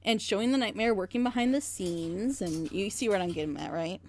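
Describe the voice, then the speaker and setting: Briskly and at a medium pitch, she talks through her opinions on an animated series, explaining her critique in depth for a casual reaction show.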